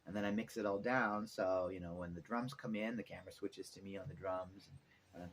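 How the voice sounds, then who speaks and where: This middle-aged musician-vlogger speaks fairly quickly in a low voice with a steady tone, rambling casually and working things out aloud. The clip carries noticeable ambience and background noise.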